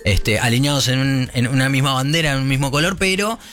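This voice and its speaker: A man with an Argentine Spanish accent hosts an evening radio show, chatting casually with many fillers and restarts over soft background music. His voice is medium-pitched, slightly bright, animated, and fast.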